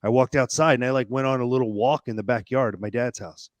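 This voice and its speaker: A man's voice: mid-range voice, steady tone, no echo. Candid man telling a personal story. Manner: candid, halting, with frequent restarts and laughs. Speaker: podcast guest. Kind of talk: personal storytelling in a podcast interview.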